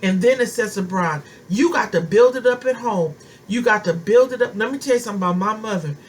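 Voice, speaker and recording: A woman's voice: medium pitch, a little fast, poor audio. A woman preacher giving an informal, fervent sermon to her viewers, talking conversationally and repeating phrases for emphasis. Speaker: preacher and self-styled prophetess.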